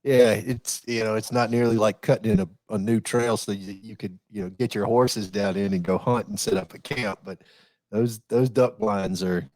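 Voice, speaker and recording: A man co-hosting a podcast in a folksy, easygoing chat. His voice sits on the low side and the recording is dry and close. He laughs a lot and repeats himself as he talks. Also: steady tone, moderate pace, a little mellow, no echo. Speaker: podcast co-host. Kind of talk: casual chat.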